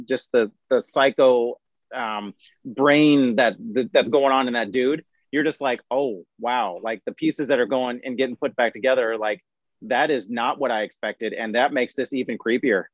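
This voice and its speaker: A man in a casual podcast chat who talks enthusiastically, with quick asides and lots of fillers. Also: mid-range voice, no room sound, highs cut off.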